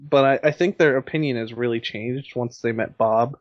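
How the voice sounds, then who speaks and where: A man's voice: mid-range voice, moderate pace, dry recording. Rambling young man, dry dull call audio. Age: 20s. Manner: rambling, lots of "you know" and "like". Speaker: co-host. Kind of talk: casual podcast chat.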